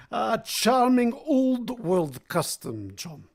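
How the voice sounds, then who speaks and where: A woman's voice: fairly low pitch, very animated, creaky, darkish tone, husky, heavily acted. A woman playing a suave, courtly, menacing vampire count in an old-style radio drama. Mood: courtly, restrained. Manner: formal, courtly, deliberate. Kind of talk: vintage radio drama acting.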